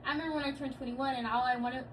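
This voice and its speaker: Talking very fast in a high voice, this thirty-year-old daughter, there as a guest, settles into an easygoing family conversation. She sounds reflective and uses plenty of fillers, while the far-off microphone picks up noticeable background noise.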